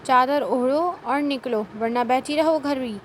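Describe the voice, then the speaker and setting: A woman's voice: sits high, a little hiss or hum, close to an everyday voice. A woman voicing a stern, irritable young husband who scolds in a storybook reading. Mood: impatient. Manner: scolding, impatient.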